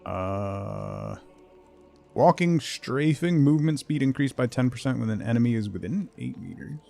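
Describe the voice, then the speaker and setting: His medium-pitched voice swings widely in pitch, creaky yet warm, at a moderate pace, with faint music behind. He's a game streamer hosting a rambling, casual livestream, chatting with viewers and reading chat and game text aloud.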